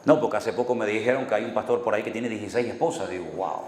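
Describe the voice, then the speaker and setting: Pastor preaching in an echoey hall. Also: male voice, on the low side, rapid-fire, a little mellow, slight background noise. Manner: storytelling, acts out dialogue with dry humor. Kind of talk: sermon. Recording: echoey hall with long reverb.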